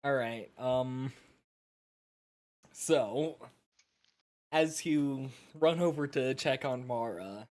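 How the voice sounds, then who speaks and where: Very slow, deliberate man narrating dramatically. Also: medium pitch. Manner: halting, deliberate, dramatic pauses. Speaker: player narrating their character. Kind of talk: improvised tabletop role-play narration.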